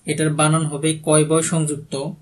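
This man's slightly high voice stays monotone as he moves at a moderate pace through quiz questions. A Bangladeshi Bengali-accented exam prep tutor, he gives every answer plainly along with a short explanation.

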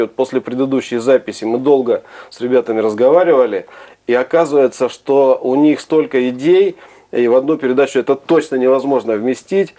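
A middle-aged man hosting a studio interview, speaking in a measured, formal way with some hesitations, on a lapel mic in a small TV studio. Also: medium pitch, mellow. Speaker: TV studio host.

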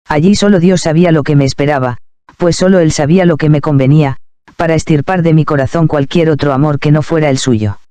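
A man calmly and reverently reading a first-person devotional memoir aloud as narrator. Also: a little high, clean tone, no echo.

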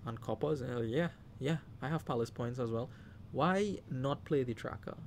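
Here the card-game commentator, a man with a Trinidadian accent, talks at normal speed in a mid-range voice over slight background noise. He stays animated, chatting to the players and yelling when a big play excites him.

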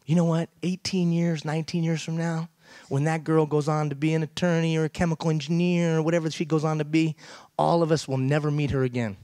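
Speaking into a headset mic, the Iranian keynote speaker, a middle-aged man, delivers an emphatic motivational talk from a large theater stage and frequently poses questions to the crowd. His fairly high voice is a little mellow and a little fast, with little pitch movement. The recording is dry and studio quality.

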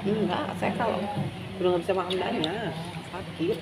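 A woman's voice: medium pitch, moderate pace. A woman, chatting casually in a blunt, colloquial way. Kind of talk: casual chat. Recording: loud crowd chatter behind.

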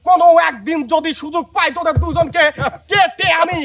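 A man's voice: very high voice, fairly quick, over a noisy crowd. A man playing a raging, betrayed film villain boss with melodramatic, vengeful threats. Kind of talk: parody of Bengali film villain dialogue. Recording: loud music behind voice. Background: loud music.

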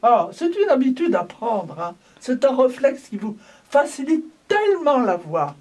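A woman voice teacher coaches a singing lesson, pausing her instructions to demonstrate sung vowels. Her voice is high, sing-song and darkish in tone at a moderate pace, heard from far off the mic.

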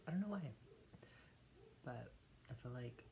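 A young adult with a gravelly voice, chatting casually between mouthfuls of crunchy chips in a home eating video. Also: mid-range voice, expressive, warm tone, a little hiss or hum. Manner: eating crunchy chips while talking, with pauses to chew. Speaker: vlogger hosting an eating video. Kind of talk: casual eat-with-me mukbang chat. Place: small dim room at home.

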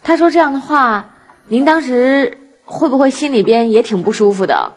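A woman's voice: sits high, expressive, moderate pace, long reverb tail. A woman hosting a TV talk show, asking probing, attentive questions. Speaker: host.

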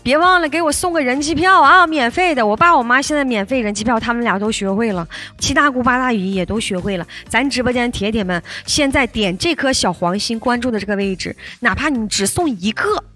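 High-voiced, slightly hoarse woman livestreamer. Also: a little fast, hardly any pauses. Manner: lively, coaxing, laughs often. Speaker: livestream host. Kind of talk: livestream chat urging viewers to send gifts. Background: loud backing music.

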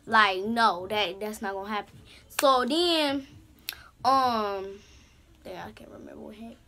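A woman vlogger in her bedroom telling a story time in an animated, slangy, rambling way, with lots of asides. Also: mid-range voice, measured pace. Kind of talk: casual story time monologue. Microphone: camera's built-in mic.

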